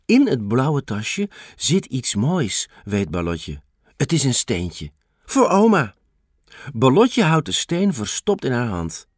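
A man reading a children's story aloud in a slow, very expressive way. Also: mid-range voice, no echo, clean studio sound.

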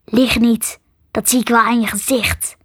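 A woman's voice: on the high side, little pitch movement, unhurried, fairly bright tone, slightly rough, no room sound, clean studio sound. Woman whispering as a hissing cat creature. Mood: menacing. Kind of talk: storybook reading.

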